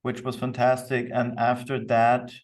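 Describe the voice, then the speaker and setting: Speaking unhurriedly in a monotone at medium pitch, this Austrian co-founder guests on a podcast, reflecting on his views in an easygoing way. He was recorded from a distant microphone.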